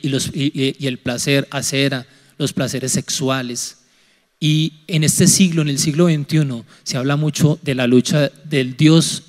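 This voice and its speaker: A man taking part in a church youth discussion, speaking in a measured, soft way with frequent restarts. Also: mid-range voice. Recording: long hall reverb.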